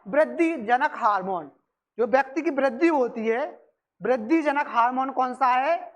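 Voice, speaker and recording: A woman teaching a coaching class, asking questions and answering them herself while repeating key terms. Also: high voice. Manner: repeats key terms, brisk and chatty with students. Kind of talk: classroom lecture for exam prep. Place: classroom with students.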